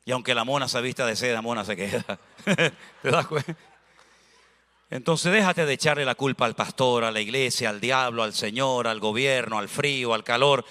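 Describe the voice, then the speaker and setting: A man from Spain, preaching a lively sermon full of anecdotes as a pastor in a church. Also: medium pitch, moderate pace, long reverb tail. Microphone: handheld microphone.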